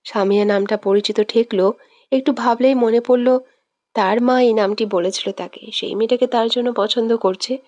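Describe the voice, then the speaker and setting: A woman narrating a romantic audio story in a steady, expressive reading voice on a close mic. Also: fairly high pitch, moderate pace, no room sound, highs cut off.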